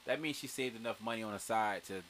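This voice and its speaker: A man in casual group banter, ribbing the others with loud opinions and profane slang, repeating his point for emphasis. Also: lowish voice, fast talker, slight background noise.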